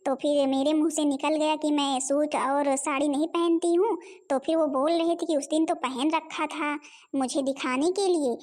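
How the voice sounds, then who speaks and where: A woman's voice: high-pitched, fairly even intonation, darkish tone, close to an everyday voice. A woman voicing a spoiled, lazy, hot-tempered young wife in a homemade cartoon. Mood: eager. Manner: defiant, quick to anger.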